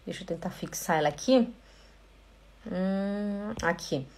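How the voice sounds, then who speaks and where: Teaching German live online, a woman with a Brazilian Portuguese accent slowly repeats words for pronunciation practice and reads out comments from viewers. She has a medium-pitched, darkish voice.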